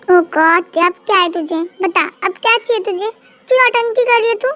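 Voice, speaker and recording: A high-voiced reader voicing a fiercely loyal young female best friend in a fan-dub audio drama, blunt and protective. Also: moderate pace, pushed and bright. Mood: exasperated. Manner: scolding then comforting.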